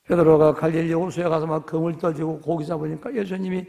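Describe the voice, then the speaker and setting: A man's voice: fairly high pitch, little pitch movement, fast, gravelly, mellow, in a large hall. A man preaching a sermon as pastor, telling stories animatedly and acting out dialogue in different voices. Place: church sanctuary.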